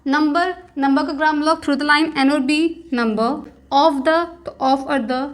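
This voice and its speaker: Slow, high-voiced woman teaching shorthand. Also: fairly even intonation. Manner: spells out strokes and repeats each word. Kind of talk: step-by-step dictation lesson.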